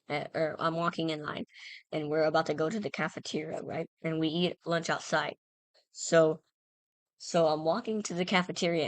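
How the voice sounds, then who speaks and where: A woman's voice: sits low, no room sound. A woman casually telling a funny anecdote, rambling and self-interrupting with lots of fillers and playful self-mockery. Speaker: storyteller.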